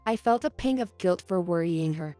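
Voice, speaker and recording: A young adult woman reading a first-person story aloud as narrator, in a soft, earnest storytelling manner. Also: lowish voice, lively intonation, moderate pace, no room sound, soft background music.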